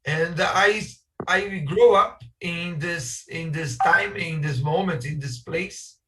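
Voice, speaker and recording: An architect giving a guest webinar talk speaks slow, broken English with a Brazilian Portuguese accent, often pausing to search for words amid many hesitations and restarts. His voice is bright and slightly high, and he sounds a little far from his video-call mic.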